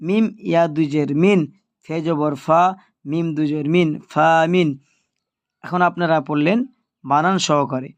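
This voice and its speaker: High-voiced man teaching Quran reading. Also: steady tone, no room sound. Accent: Bangladeshi Bengali. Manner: patient, spells syllables slowly then blends them. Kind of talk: spelling-out recitation lesson.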